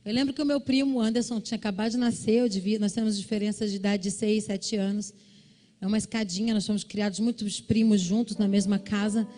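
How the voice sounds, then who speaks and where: A woman pastor from Brazil preaching a sermon, telling a family story and acting out the shouting relatives in a high voice. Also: steady tone, quick pace. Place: church service.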